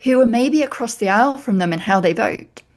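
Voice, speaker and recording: A woman author as an interview guest, giving measured, reflective answers that build points in lists. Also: on the high side, lively intonation, a little mellow.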